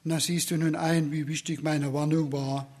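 A man preaching a sermon in a slow, earnest way, dropping to a soft whisper for repeated questions. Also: fairly high pitch, flat delivery.

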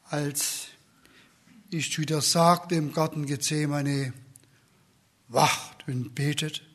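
A man preaching a sermon in a slow, earnest way, dropping to a soft whisper for repeated questions. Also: a little high, steady tone.

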